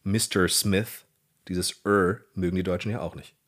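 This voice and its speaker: Deep husky-voiced man explaining at length. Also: fairly quick. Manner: explanatory, animated, self-correcting. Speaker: guest, dubbing director. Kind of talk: casual podcast interview.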